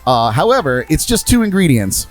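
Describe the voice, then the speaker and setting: A man hosting a live music podcast, upbeat and quick to laugh. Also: fairly high pitch, very animated. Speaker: podcast host. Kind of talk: casual live show chat.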